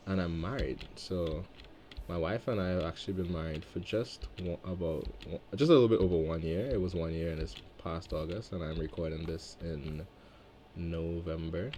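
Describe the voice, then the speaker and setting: Guy in his 20s from trinidad, low voice, chill rambly game commentary, faint hiss. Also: normal speed, mellow. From Trinidad and Tobago. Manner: rambling, thinks aloud between chatty stories. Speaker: let's-play gamer. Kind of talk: casual gameplay commentary.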